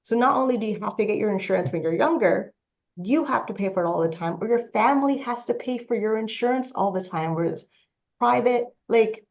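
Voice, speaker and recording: A woman's voice: on the high side, expressive, a little fast, lo-fi sound. A Canadian woman in her late thirties, speaking as a panelist in a casual discussion, telling her story in a rambling, matter-of-fact way. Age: 30s.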